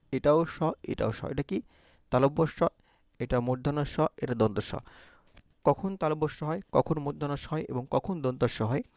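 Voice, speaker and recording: A man's voice: medium pitch, gravelly, darkish tone, no room sound, studio quality. A man teaching a Bangla grammar lesson, explaining step by step and answering his own questions. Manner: keeps checking understanding with short prompts. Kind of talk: recorded exam-prep lesson.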